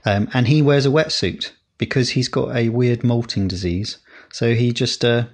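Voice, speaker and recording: In a casual podcast chat, a male co-host with a mid-range voice talks at a moderate pace. His speech is rambling and hesitant, packed with fillers and frequent restarts.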